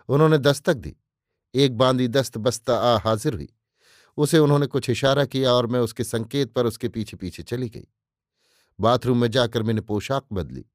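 Male story narrator, measured literary reading, mid-pitched voice, dry sound. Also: no echo.

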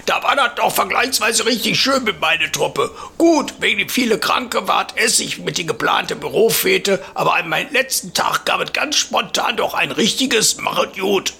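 A man's voice: high voice, lively intonation, moderate pace, creaky, few pauses, sharp tone, husky, voice pushed up, full character voice. A man voicing a chatty, folksy old retired grandpa with a Ruhr area German accent, telling rambling comic stories for a podcast. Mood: fond reminiscing.

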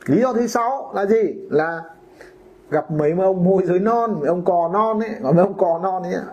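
Male podcast host, high voice, colloquial storytelling that slips into mimicked voices, dull lo-fi sound. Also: a little fast, a little mellow. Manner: colloquial, acts out homeowners and brokers in quoted voices. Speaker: podcast host, real estate broker. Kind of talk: casual podcast monologue.

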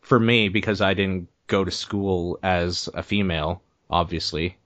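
A man hosting a casual podcast, talking in a relaxed, rambling way full of hedges. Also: low voice, measured pace, no room sound, lo-fi sound. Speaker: podcast host.

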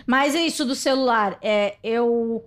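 A high-pitched woman from Brazil hosts a casual podcast chat. She tells stories with animated energy and laughs often. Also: a little slow. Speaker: podcast host.

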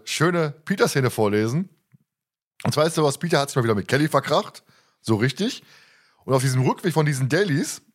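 A man hosting a casual podcast chat, talkative with frequent self-corrections, who also reads aloud from a book. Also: mid-range voice. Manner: chatty, laughing, with self-corrections. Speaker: podcast host.

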